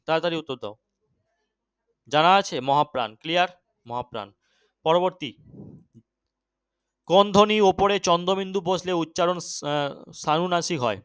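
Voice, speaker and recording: A young man teaching an exam-prep grammar lesson, often checking that students follow and urging them to answer quickly. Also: on the high side, fairly bright tone, clear, resonant tone, no room sound, clean studio sound. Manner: keeps checking understanding, urges quick answers.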